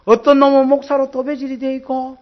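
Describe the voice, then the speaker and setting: A man's voice: very high-pitched, little pitch movement, fairly quick, dull audio. A middle-aged man with a Gyeongsang Korean accent, preaching a sermon and telling earthy personal stories with acted-out quotes. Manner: earthy storytelling, dialect, acts out quotes loudly. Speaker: pastor.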